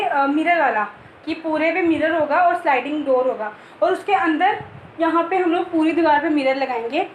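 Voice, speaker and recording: Young woman chatting thru a home tour, high voice, kinda echoey room w faint background hum. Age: young adult. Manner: chatty, joking, addresses viewers directly. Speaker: vlogger giving a home tour. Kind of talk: casual home tour chat. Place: rooms of a home, indoors.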